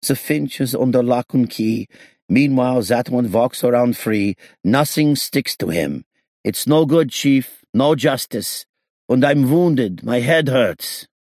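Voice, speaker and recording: A man's voice: mid-range voice, slow pace, a little mellow, dry recording, studio quality, pitched above the performer's own voice. A man putting on a smug, whining crook. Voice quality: whining, self-pitying. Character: smug, whiny middle-aged male criminal.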